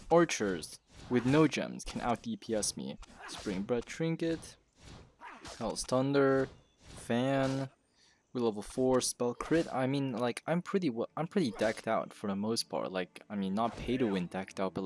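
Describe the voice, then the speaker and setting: A gaming video host with a sore throat from illness talks through a casual game guide in a fairly low, darkish voice. He is candid and rambling, correcting himself as he goes and laughing briefly, over clearly audible background music in a voice-over.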